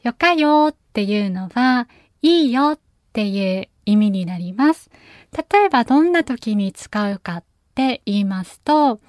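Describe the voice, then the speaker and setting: Gentle soft-spoken Japanese woman radio host. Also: a little high, lively intonation, unhurried, no room sound, studio quality. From Nagasaki, Japan. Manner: gentle, polite, stumbles over words and laughs it off. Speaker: radio show host and pianist. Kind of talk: soft-spoken late-night radio talk.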